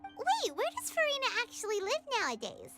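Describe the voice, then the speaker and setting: A woman voicing a tiny, excitable fairy-like companion in a video game, chatty and squeaky, who talks about herself in the third person. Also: brisk, exaggerated voice. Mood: chirpy. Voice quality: high, squeaky, childlike. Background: game music.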